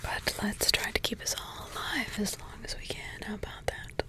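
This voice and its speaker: In an ASMR roleplay, a woman plays a centuries-old witch mother, whispering softly the whole way through. She muses slowly and hums to herself between thoughts, sounding close to her everyday voice.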